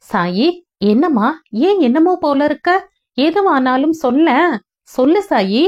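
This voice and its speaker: Woman voicing a gentle reassuring husband. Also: high-pitched, big pitch swings, unhurried, dull audio, voice pushed up. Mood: soothing. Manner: soothing, explaining.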